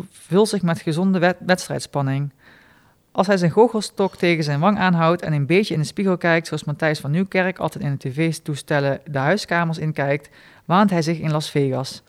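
A man reading his short stories aloud in a dry, deadpan way, with small spoken asides. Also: fairly high pitch, moderate pace.

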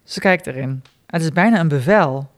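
A man reading his short stories aloud in a dry, deadpan way, with small spoken asides. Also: a little high, moderate pace.

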